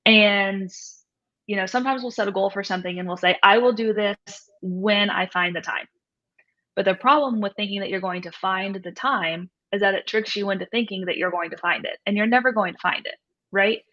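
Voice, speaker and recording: This nutrition coach, a guest in her thirties or forties, speaks briskly in a bright, forceful mid-range voice. She handles interview questions conversationally, explaining and often checking in with "you know" and "right?". The audio is dull and lo-fi.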